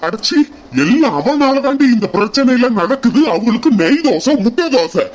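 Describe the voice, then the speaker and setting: A man's voice: extremely high pitch, very animated, normal speed. A man voicing a scolding father in a cartoon comedy dub. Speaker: cartoon voice artist. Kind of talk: Tamil cartoon comedy dubbing.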